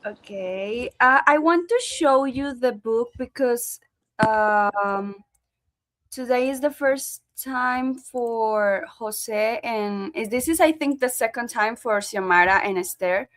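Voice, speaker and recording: Hosting an online book club over a video call, a woman chats casually in English, which isn't her first language, speaking hesitantly with many fillers and restarts. Her voice is fairly high and fairly bright, and her pace is slow.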